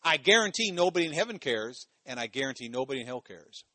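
A man's voice: medium pitch, very animated, fast, bright, forceful tone, dry recording. A man from Ohio preaching a sermon in a loose, conversational way, full of "you know" asides and phrases repeated for emphasis. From Ohio, USA.

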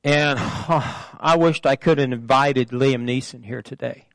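A man pastor preaching a sermon with call-and-response, emphatic, swelling louder and higher on key phrases. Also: slow, creaky, no echo.

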